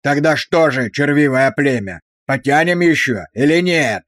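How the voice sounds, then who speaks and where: A man voicing a brutal, abusive male drill sergeant who barks insults with slow, hammering emphasis. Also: medium pitch, lively intonation, a bit bright, no echo, clean studio sound. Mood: bellowing.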